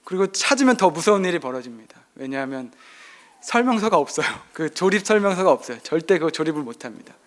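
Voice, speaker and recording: A middle-aged male pastor preaches a sermon built on personal anecdotes about his son, acting out their exchanges with shifting loudness. His voice is a little high and sing-song, and he talks fast.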